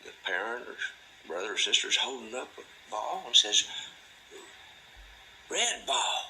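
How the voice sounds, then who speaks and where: A man speaks in a low, forceful, bright-edged voice. He drawls in a slow, deliberate, folksy way, like someone talking straight to camera. A faint ambient hush sits behind him. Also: lively intonation, gravelly, a little hiss or hum, poor audio. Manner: drawling, folksy, mimics a delighted parent in a high voice. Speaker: host. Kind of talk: monologue to camera.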